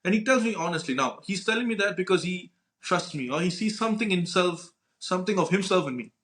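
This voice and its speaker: Expressive and high-pitched, this young man talks fast with a slightly bright tone while co-hosting a podcast. His anecdotes are informal, slangy and profane, with conversations acted out and frequent "right?" check-ins.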